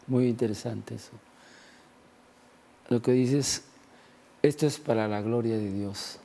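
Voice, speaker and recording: A man's voice: mid-range voice, slow pace, creaky, mellow. A man in a conversational religious talk, discussing faith and healing and retelling gospel scenes with acted-out quotes.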